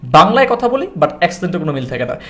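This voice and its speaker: A man's voice: fairly high pitch, big pitch swings, racing. A man from Noakhali with a Noakhali Bengali accent, an English language trainer answering questions in a casual, teasing way and mixing in English. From Noakhali, Bangladesh. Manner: chatty, teasing, mixes English into his Bengali. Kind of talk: casual conversational interview.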